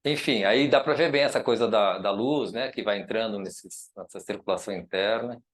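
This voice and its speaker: A man's voice: fairly low pitch, moderate pace. A man with a Brazilian Portuguese accent, an architect giving a chatty, enthusiastic informal lecture over slides, often checking in with the audience. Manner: chatty and enthusiastic, many tag questions. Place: lecture room.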